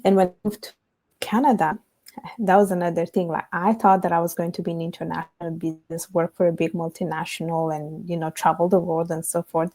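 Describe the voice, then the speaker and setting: Low, mellow-voiced woman guest from Italy. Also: little pitch movement, brisk. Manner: reflective, storytelling with fillers. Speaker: guest, author. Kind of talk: conversational interview.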